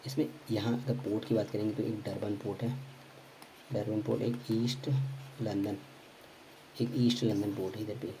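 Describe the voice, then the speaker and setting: A man runs through a geography revision lesson at speed, repeating each name and stopping to fix his own slips. His voice is low and very dark, with little rise and fall. A faint hiss of noise sits behind him. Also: level tone, poor audio. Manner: quick, repetitive drilling with frequent self-corrections and fillers. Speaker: teacher.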